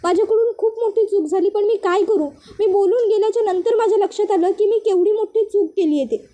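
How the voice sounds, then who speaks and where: A woman's voice: extremely high pitch, expressive, normal speed, warm tone. A woman voicing an upset young woman who feels betrayed and regretful, pleading and tearful. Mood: remorseful.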